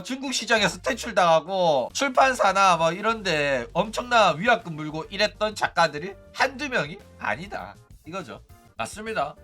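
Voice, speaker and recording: A man hosting a casual livestream commentary, talking in an animated, chatty way with mocking asides. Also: sits high. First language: Korean. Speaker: streamer and commentary host.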